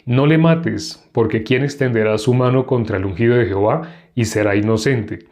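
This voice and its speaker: A man reading the part of David, a young warrior pleading with a king, in a slow, measured, earnest way. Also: medium pitch, a little mellow, lightly acted.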